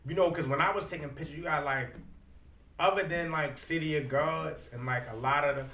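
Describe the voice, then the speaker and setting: Bright-voiced man with a Baltimore accent. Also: a little high, a little fast, slight background noise. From Baltimore, United States. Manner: slangy, unfiltered, animated anecdote telling. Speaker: photographer interview guest. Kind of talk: casual conversational storytelling.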